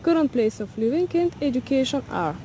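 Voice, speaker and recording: A woman's voice: high-pitched, animated, fairly quick, background noise. A woman interviewer reading out her questions, with the odd filler.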